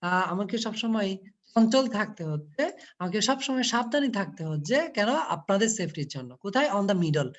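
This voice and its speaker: A woman teaching an English poem to a class, explaining it word by word and asking the students questions as she goes. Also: medium pitch. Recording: dull lo-fi recording.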